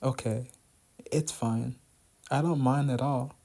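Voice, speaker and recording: A man voicing a soft-spoken teenage girl. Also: mid-range voice, fairly even intonation, slow pace. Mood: hushed.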